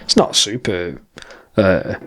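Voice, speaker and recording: A man's voice: low voice, lively intonation, slow pace, a bit bright. A young man co-hosting a casual podcast over drinks, rambling easily and laughing often. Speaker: podcast co-host.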